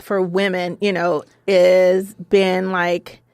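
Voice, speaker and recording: A woman's voice: fairly low pitch, flat delivery, slow pace, darkish tone, clean tone, no echo. A woman co-hosting a casual podcast, upbeat and encouraging, with many affirming sounds. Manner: upbeat, encouraging, constant mm-hmms and woos. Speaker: podcast co-host.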